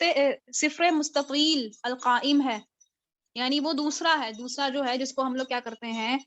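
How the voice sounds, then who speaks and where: A woman's voice: sits high, fairly bright tone. A woman teaching a live online recitation class, explaining step by step and answering her own questions. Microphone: video call. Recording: dull lo-fi video call audio.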